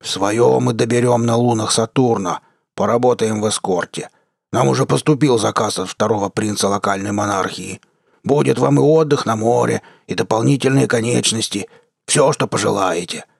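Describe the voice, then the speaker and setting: A man voicing a calm, fatherly blue giant starship captain with a deep bass voice, in an audiobook reading. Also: gravelly, husky, no echo, studio quality. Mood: soothing. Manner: unhurried, fatherly, soothing. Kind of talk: audiobook character voice.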